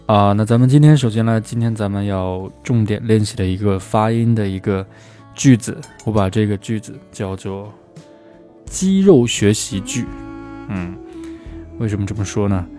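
A man teaching English pronunciation, who slows down to drill phrases again and again. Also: lowish voice, warm tone, soft background music. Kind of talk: spoken language lesson.

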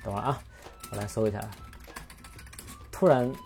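Casting note: male podcast host, mellow low-key tone, chatty and rambling, faint music underneath. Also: normal speed, vocal fry. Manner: rambling, self-correcting, looks things up mid-talk. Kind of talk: casual solo podcast chat.

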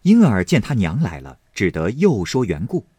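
A man narrates a classic novel in a low, husky voice, full of expressive lifts and drops. The sound is dry and close to the mic. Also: moderate pace, no room sound. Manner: expressive, animated. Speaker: audiobook reader.

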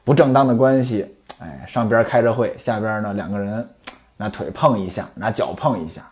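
A man's voice: on the low side, brisk, darkish tone. A man narrating in the traditional storytelling style, with chatty asides to the listener and a playful, knowing tone.

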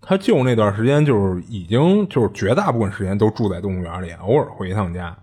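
Husky man telling a story. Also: on the low side, expressive, fast, mellow. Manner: chatty, rambling, many fillers and restarts. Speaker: podcast host. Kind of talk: casual storytelling.

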